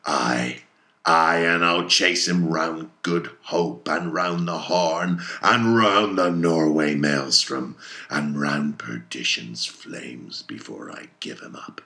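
A man's voice: a bass voice, steady tone, slow pace, vocal fry, few pauses, pushed and bright, voice pushed down, exaggerated voice. A man voicing an obsessed, vengeful old sea captain with fierce, brooding archaic oratory, as in a storybook reading. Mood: vengeful, defiant.

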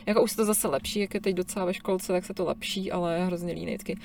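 A woman's voice: fairly even intonation, creaky, a little mellow, far from the mic, slight background noise. A woman co-hosting a parenting podcast, chatting casually and laughing often. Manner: chatty, laughs often, mimics her child in a high voice. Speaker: podcast co-host. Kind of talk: casual chat about parenting.

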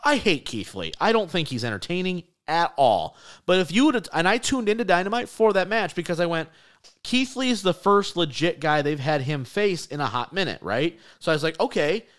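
Animated ranting man on a podcast. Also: fairly high pitch, a little fast. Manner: ranting, exasperated, profane. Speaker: podcast co-host. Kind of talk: casual sports chat.

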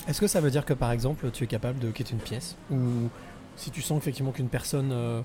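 A man's voice: mid-range voice, steady tone, fast talker, music in the background. A male host interviewing a guest, reworking his questions as he asks them. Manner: probing, rephrases questions. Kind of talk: podcast interview.

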